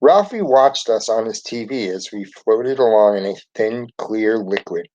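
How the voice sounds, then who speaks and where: A man reading a children's picture book aloud in a steady narrating voice. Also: fairly low pitch, unhurried, highs cut off. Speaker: storybook reader.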